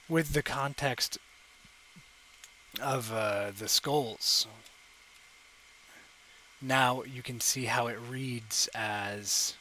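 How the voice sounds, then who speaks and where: A young man with a bright, forward voice talks casually through a live sculpting stream, narrating each step as he works. He rambles and corrects himself with plenty of ums, speaking into a desk mic with a faint hum of room ambience behind him. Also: mid-range voice, rough recording. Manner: rambling, thinking aloud with many fillers and self-corrections. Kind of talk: casual live tutorial commentary. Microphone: desk microphone.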